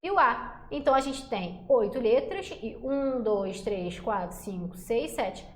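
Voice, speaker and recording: A woman teaching an exam-prep lesson, chatty and checking in with the class often as she sounds out letters and syllables slowly. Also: fairly high pitch, animated. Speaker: Portuguese teacher. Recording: echoey room.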